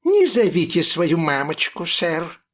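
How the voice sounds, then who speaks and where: A teasing pirate purrs each word in a drawn-out way. A man acts him out in a storybook reading, his voice husky and lifted a little. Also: a little high, huge pitch swings, fairly bright tone, pitched above the performer's own voice, full character voice. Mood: smug. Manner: purring, drawn-out. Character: purring cat-like pirate, smug and teasing.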